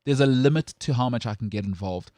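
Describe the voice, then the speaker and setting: A man's voice: mid-range voice, quick pace, a little mellow, dry recording. A South African man hosting a sports talk show, speaking in an opinionated, emphatic way with frequent restarts. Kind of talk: casual sports chat.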